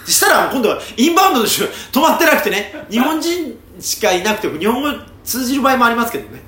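A high-voiced man chats quickly and animatedly as the host of a casual talk show. His pitch swings widely, and he tells his stories with plenty of energy. The recording sounds roomy, with a faint noise underneath. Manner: animated, chatty storyteller. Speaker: podcast host. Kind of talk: casual chat.

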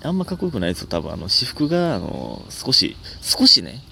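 Animated Kansai-accented young man rambling. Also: fairly low pitch, fairly quick, gravelly, slight background noise. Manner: rambling, self-mocking, animated outbursts. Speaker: comedian podcast host. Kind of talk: casual solo podcast chat.

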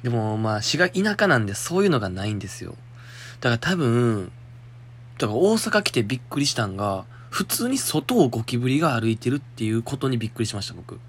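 A man's voice: mid-range voice, big pitch swings, fast, husky. A young man with a Kansai accent, hosting a solo talk show and chatting about a listener's letter in a rambling way. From Shiga, Japan. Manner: chatty, muttering to himself, laughing. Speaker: podcast host.

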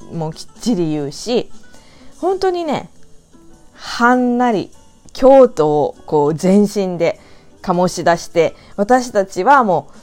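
A woman hosting her own talk channel, telling a story in a chatty, animated way and drawing out her sentence endings. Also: mid-range voice, takes it slowly, soft background music. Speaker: talk show host. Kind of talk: casual storytelling monologue.

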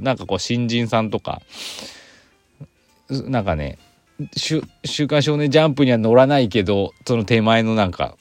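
A man's voice: sits low, a little mellow, dry recording. A middle-aged man hosting a casual solo podcast. He rambles with lots of fillers and corrects himself mid-sentence while recording inside a parked car in a garage. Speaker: podcast host.

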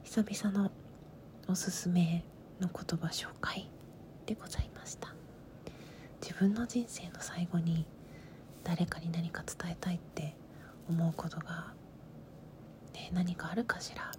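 A woman host whispering gently and reflectively at home at midnight, speaking slowly and softly. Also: on the low side, flat delivery. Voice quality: soft whisper. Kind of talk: whispered late-night talk.

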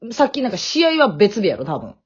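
A young woman with a Kansai accent teases her friend through a casual podcast chat. Her husky voice swings widely in pitch. She calls in from her family home, and the line sounds dull and lo-fi. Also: huge pitch swings. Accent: Kansai Japanese. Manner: teasing, quick banter. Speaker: podcast co-host. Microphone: remote call. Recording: dull lo-fi audio.

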